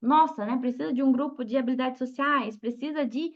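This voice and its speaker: A woman's voice: high-pitched, brisk, lo-fi sound. A Brazilian woman hosting an interview, talking reflectively and tagging her sentences with "né?". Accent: Brazilian Portuguese. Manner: frequent "né?" tag questions, reflective. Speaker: host, psychologist. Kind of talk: interview conversation.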